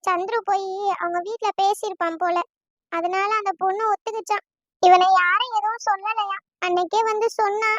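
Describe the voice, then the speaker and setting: A woman voicing a calm, remorseful middle-aged aunt in a cartoon, explaining slowly and with regret. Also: extremely high pitch, no echo, lo-fi sound. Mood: soothing. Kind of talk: cartoon voice acting.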